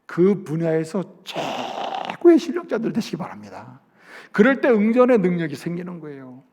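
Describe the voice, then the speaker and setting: Pastor guy with a really high voice giving a sermon, asks the crowd stuff, goes loud then drops way quiet. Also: huge pitch swings, moderate pace. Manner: preaching with rhetorical questions to the congregation; swings from loud emphasis to soft low asides.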